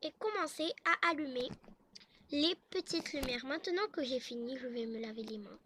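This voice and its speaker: A woman's voice: sits high, moderate pace, bright, forceful tone, a little hiss or hum. A woman casually narrating a game role-play video and chatting straight to her subscribers.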